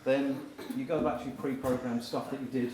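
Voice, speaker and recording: This speaker at a live event talks a little fast in a mid-range voice, guiding the crowd through exercises with energy and now and then raising his voice to loud calls. The venue is an echoey hall with a live audience, and the distant mic picks up crowd noise.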